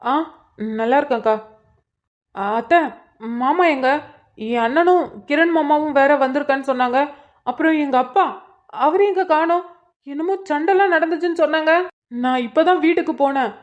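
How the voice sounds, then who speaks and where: A woman's voice: sits high, natural voice. A woman voicing a fretful young cartoon man. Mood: worried. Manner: rushed, fretful questions. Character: anxious young man, hurried and worried. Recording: dull lo-fi recording.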